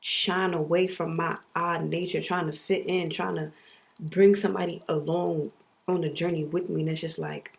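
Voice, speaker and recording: Young woman vlogger, low gravelly voice, candid emphatic self-talk. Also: steady tone, moderate pace. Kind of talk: reflective personal monologue.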